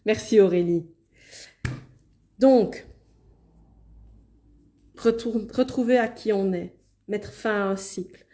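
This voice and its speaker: A woman's voice: medium pitch, a little mellow. A woman with a Liège Belgian French accent doing a casual live card reading, chatty and apologetic, reading out viewer comments as she goes. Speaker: card reader hosting a live stream.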